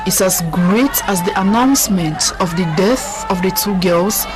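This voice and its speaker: A woman's voice: mid-range voice, a little slow. A woman reading scripted news narration as a reporter. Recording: music and crowd behind voice-over. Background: music and crowd sounds.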